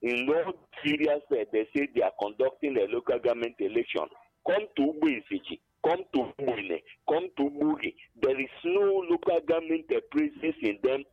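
An older Nigerian man rings in over a muffled, lo-fi phone line, his voice gravelly and swinging widely up and down. He hesitates through long fillers, then presses his complaints with growing emphasis. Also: fairly high pitch, very animated. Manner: hesitant, many drawn-out fillers, rising to emphatic protest. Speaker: caller. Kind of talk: radio call-in complaint.

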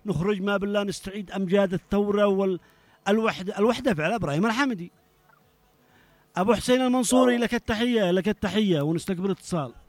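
A man with a Yemeni Arabic accent hosting a live radio call-in show, talking fast and cutting in on callers. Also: sits high, no echo. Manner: fast, talks over callers.

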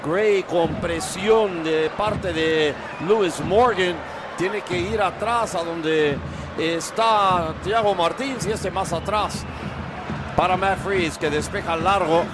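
A man with a high-pitched, slow voice calls live play-by-play of a soccer match in an open-air stadium. The outdoor broadcast is noisy, with crowd chants and stadium ambience behind him.

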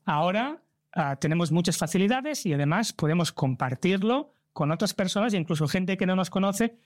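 With a high, animated voice at a normal speed, a man from Barcelona talks earnestly about travel in an interview, his Spanish accent clear. He creates travel content and organizes trips, and the sound is studio quality without echo.

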